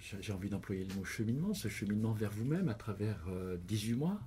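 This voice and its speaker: A man interviewing an author, asking measured questions and reading passages aloud. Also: on the low side, animated, warm tone, a little hiss or hum.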